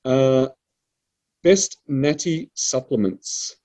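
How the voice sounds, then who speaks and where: A Melbourne man in his mid-thirties with an Australian accent hosts a prep coach podcast, reading out listener questions in an easygoing chat. His mid-range voice is warm and animated, yet he speaks extremely slowly.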